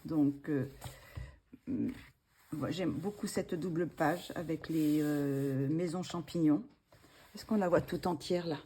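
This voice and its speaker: A low-pitched woman with a warm, mellow tone talks through her favorite coloring pages at home. She hesitates often, restarting sentences and filling gaps with little pauses. A faint hiss sits under the recording. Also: steady tone. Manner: hesitant, many fillers and restarts. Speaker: coloring channel host. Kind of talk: casual show-and-tell vlog.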